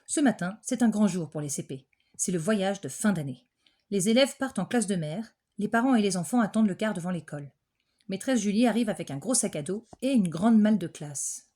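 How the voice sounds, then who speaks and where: A woman reading a children's picture book aloud in a clear, gentle storytelling manner. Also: mid-range voice, animated, brisk. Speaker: storybook reader.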